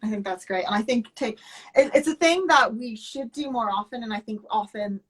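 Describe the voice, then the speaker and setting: A woman's voice: a little high, fairly quick, a bit bright, husky. A woman hosting an interview, asking questions hesitantly with many fillers and restarts. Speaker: podcast host. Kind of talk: interview conversation.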